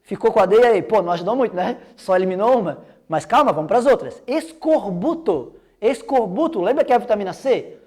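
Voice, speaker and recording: A man's voice: high voice, animated, fast, darkish tone. A young man with a Brazilian accent teaching an online exam-prep biology lesson in a casual, slangy, joking way. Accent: Brazilian Portuguese.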